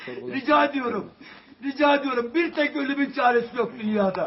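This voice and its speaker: A distraught man with a strikingly high voice pleads desperately to a news camera, repeating his words and breaking into shouts. He stands well back from the mic outdoors. The audio is dull and muffled, with a faint hiss under it. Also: fairly quick, far from the mic, a crowd in the background. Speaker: protester.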